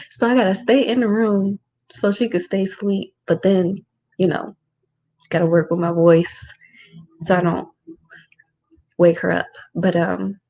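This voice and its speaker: Woman, spiritual teacher running a casual at-home Q&A, informal and rhetorical, voice held low. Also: steady tone, measured pace, long pauses, mellow. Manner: informal, rhetorical, keeps asking "right?"; keeps her voice lowered. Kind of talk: casual livestream talk with Q&A. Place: room at home.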